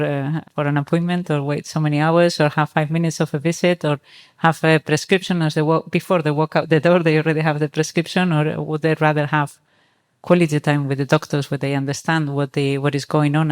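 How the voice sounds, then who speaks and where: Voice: mid-range voice, clear, resonant tone. An earnest, discursive speaker on a discussion panel, talking at length. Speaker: panelist, startup and impact advocate.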